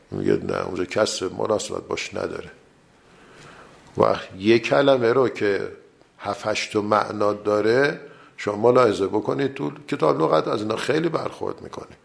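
A man with a gravelly, creaky voice teaching a lesson on Quran commentary. He explains patiently, circling back through example after example, and lets his phrases drop to a low mutter. His pitch sits in an ordinary middle range. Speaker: religious teacher.

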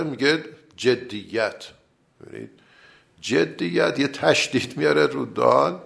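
A man giving a religious lesson on Quran commentary, explaining patiently with repeated examples and trailing off softly at the ends of phrases. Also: mid-range voice, gravelly. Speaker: religious teacher.

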